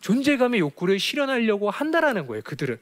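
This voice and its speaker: A man's voice: high voice, very animated, quick pace. A man giving a lecture to parents, who asks the audience rhetorical questions and acts out children's voices.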